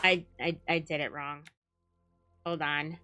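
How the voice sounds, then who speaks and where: A man streaming a game through a voice changer that makes him sound like a woman, excitable and swearing as he plays. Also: fairly high pitch, slow pace, clear, resonant tone, faint music behind, exaggerated voice. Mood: playful. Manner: excitable, swears often, talks to himself while playing. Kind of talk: casual live-stream chatter.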